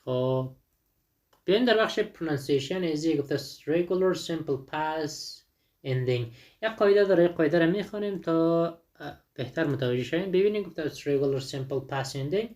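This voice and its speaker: A man's voice: a little high, lively intonation, a little mellow. Man teaching English grammar, patient. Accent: Dari-accented English. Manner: mixes slow English examples with quick explanations; asks and answers his own questions. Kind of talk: explaining a textbook lesson.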